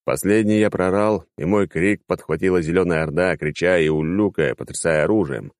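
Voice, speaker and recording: A man reading a first-person audiobook in a wry, lively narration style. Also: fairly quick, dry recording, clean studio sound. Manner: lively, wry, sweeping pitch.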